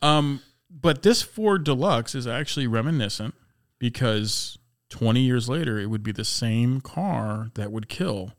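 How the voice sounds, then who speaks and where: A man's voice: mid-range voice, animated, measured pace. A man hosting a paranormal podcast in a jokey, mock-boastful chatting style. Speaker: podcast host. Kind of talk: joking paranormal podcast chat.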